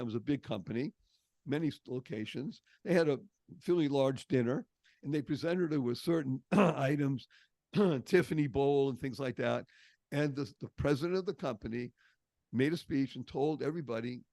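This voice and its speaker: Recorded with no echo, a slightly high, creaky male voice with a darkish tone belongs to an older Boston native. He tells stories expressively in a Boston accent as a podcast guest, emphasizing key words in a storytelling interview.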